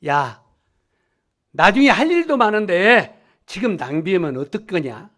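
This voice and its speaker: A man's voice: high voice, sing-song, a little slow, a bit bright, exaggerated voice. A man voicing a devil who whispers temptations to believers, coaxing and nagging.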